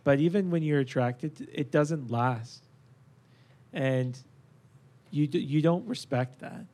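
A man's voice: on the high side, slow pace, warm tone. A man hosting a podcast, speaking earnestly about faith and relationships, with many fillers and restarts. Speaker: podcast host. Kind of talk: casual faith discussion.

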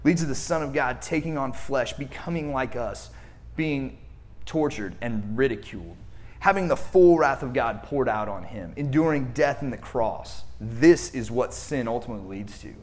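Male pastor, mid-pitched, preaching casually with rhetorical questions. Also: animated, normal speed. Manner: conversational preaching with filler words and rhetorical questions. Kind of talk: sermon.

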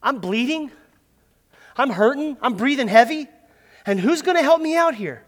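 A man's voice: extremely high pitch, expressive, moderate pace, in a large hall. A man preaching voices a tired young fighter who pleads that he has been beaten up. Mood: weary. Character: weary young male fighter, beaten and discouraged.

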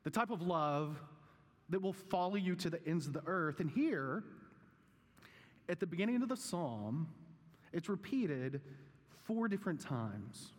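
Higher-voiced man preaching in a reverberant hall. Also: lively intonation. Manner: measured, deliberate phrasing with frequent pauses and questions to the listeners. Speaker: pastor preaching to a congregation. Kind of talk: sermon, conversational teaching. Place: large reverberant room, preaching live.

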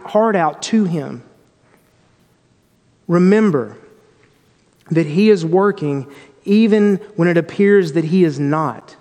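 A man with a high voice gives a devotional Bible teaching in an earnest, reflective way. He often restarts his phrases. A long reverb trails after his voice. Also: darkish tone.

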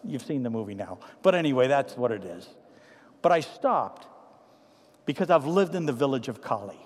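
A man's voice: mid-range voice, animated, moderate pace. Emphatic older male preacher in a reverberant hall. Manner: emphatic storytelling preacher, swinging from loud to hushed. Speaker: pastor. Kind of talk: sermon. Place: church sanctuary.

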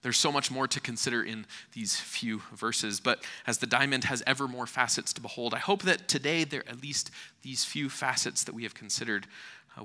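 A male preacher delivers an earnest sermon with a very bright, cutting voice at a medium pitch. He leans on repetition and weighted pauses, and his words ring through a reverberant hall.

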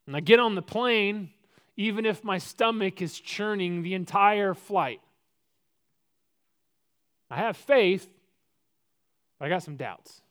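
Man, pastor, sermon, high voice, conversational, rhetorical questions. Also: slow, long pauses, a bit bright. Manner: conversational preaching, repeats words when restarting.

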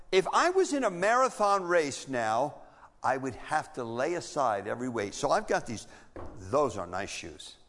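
An older man preaching a sermon as pastor, animated and emphatic, repeating key phrases for effect. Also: fairly high pitch. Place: church sanctuary. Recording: long hall reverb.

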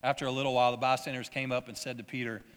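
Bright-voiced male preacher in reverberant hall. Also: mid-range voice, flat delivery, very fast. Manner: conversational storytelling, asks the audience questions. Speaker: pastor. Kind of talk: sermon.

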